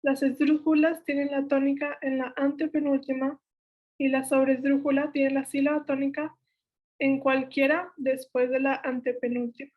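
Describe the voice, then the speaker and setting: A young woman with a high voice and a Mexican Spanish accent works as a workshop instructor, laying out spelling rules one step at a time at a moderate pace. Her delivery is steady and list-like, and she corrects herself now and then. The audio sounds narrow and tinny.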